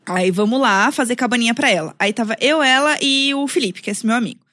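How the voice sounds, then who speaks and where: A young adult woman co-hosting a podcast, telling stories in a casual, animated way with lots of filler words. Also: fairly high pitch, fast talker, no room sound, clean studio sound. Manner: animated storyteller, full of fillers like né and assim. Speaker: podcast co-host. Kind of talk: casual chat among friends.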